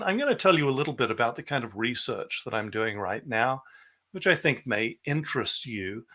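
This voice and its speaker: A man from Southeast Asia giving an earnest, measured church presentation with slides over a video call. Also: mid-range voice, sharp tone. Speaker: guest speaker, scientist.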